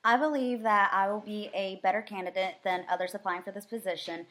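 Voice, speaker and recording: In a mock job interview, a young woman from the United States, whose first language was Vietnamese, responds briskly with eager, sincere answers full of filler words. Her medium-pitched voice is fairly bright and fairly even in intonation.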